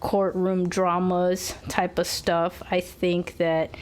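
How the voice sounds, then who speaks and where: A woman's voice: fairly low pitch, level tone, takes it slowly, a little mellow, smooth. A woman co-hosting a casual movie review podcast, speaking hesitantly with lots of fillers and little laughs. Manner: hesitant, giggly, many fillers. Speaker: podcast co-host.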